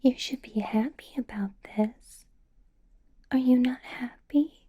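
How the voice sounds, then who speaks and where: A woman with a slightly high voice plays a possessive vampire boss with a menacing edge in an ASMR roleplay. She speaks in a slow, breathy whisper punctuated by soft, teasing laughs, and the recording's high frequencies are cut off.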